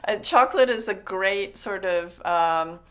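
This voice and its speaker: A woman's voice: medium pitch, unhurried, fairly bright tone, smooth. A woman guest on an online panel, talking in a playful way and savoring her words.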